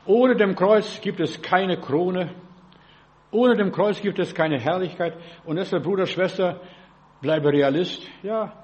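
A man preaching a sermon in short, animated phrases, acting out quoted voices and often stopping to check that listeners follow. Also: sits high, slow pace, dull audio. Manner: speaks in short broken phrases, often saying "ja" and "verstehst".

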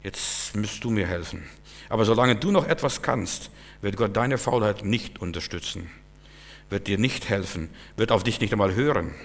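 A man preaching a sermon with fervent, repetitive phrasing that climbs to loud, emphatic peaks. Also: on the low side, normal speed, vocal fry. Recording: long hall reverb.

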